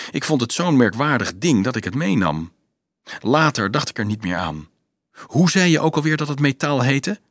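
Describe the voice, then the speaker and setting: A man's voice: mid-range voice, fairly bright tone, husky, no echo, studio quality, exaggerated voice. A man reading aloud, voicing a curious young male student in an audiobook. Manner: eager, questioning.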